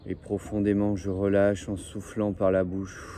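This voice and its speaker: A very dark, mellow male voice, low in register, guides a breathing and relaxation session. He speaks slowly and soothingly, repeating short phrases with little melodic movement. Faint outdoor noise and birds sit behind him. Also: completely flat delivery. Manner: slow, soothing, repetitive phrasing. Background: faint birdsong and ambient noise.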